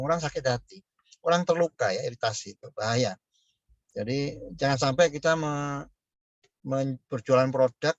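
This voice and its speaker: A man's voice: on the high side, dry recording. Conversational man giving an online lecture. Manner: conversational, with frequent fillers and chuckles. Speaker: business lecturer. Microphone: video call.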